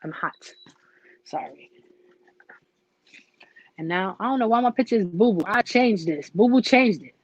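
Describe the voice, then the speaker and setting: A woman chatting casually into the camera, telling an animated story full of "like" and asides. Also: medium pitch, measured pace, long pauses, muffled recording. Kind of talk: casual vlog chat.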